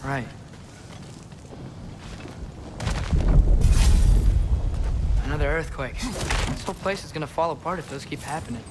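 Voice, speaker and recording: Man playing an earnest, higher-voiced teenage warrior son. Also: fast, heavy background noise, close to an everyday voice. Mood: uneasy. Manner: talkative, earnest, searching. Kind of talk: video game dramatic acting.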